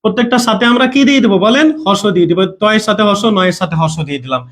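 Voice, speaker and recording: Very high-pitched male teacher running a live online class, always quizzing students and asking "okay?". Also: big pitch swings, racing. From Bangladesh. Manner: repeats questions to students, checks understanding often. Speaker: grammar teacher.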